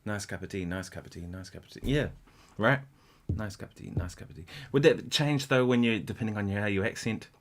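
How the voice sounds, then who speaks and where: A man hosting a casual guitar livestream, rambling in a halting way with many restarts and sometimes counting rhythms aloud. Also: fairly low pitch.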